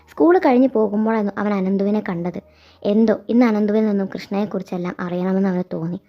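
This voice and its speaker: A woman narrating a fan fiction story in a steady, reflective way. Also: mid-range voice. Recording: dull lo-fi sound. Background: background music.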